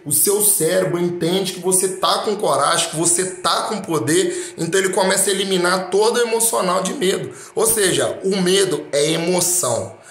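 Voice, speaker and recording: An emphatic motivational speaker, a man with a Brazilian Portuguese accent, who talks directly to the listener and keeps restating his point. His voice sits a touch high for a man. The recording has a roomy, echoing sound. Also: vocal fry, a bit bright. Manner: emphatic, addresses the listener directly with repeated phrases. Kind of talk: motivational talk to camera. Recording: roomy echo.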